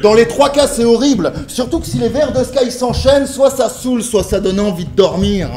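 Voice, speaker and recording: A man's voice: very high voice, normal speed, a little mellow, soft background music. A man from France delivering mocking, sarcastic a cappella rap battle verses at an opponent in an indoor venue. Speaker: battle rapper.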